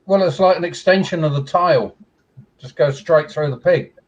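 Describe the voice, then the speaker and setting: Teasing British man, higher-pitched voice. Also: moderate pace, dull audio. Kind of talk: casual chat, banter.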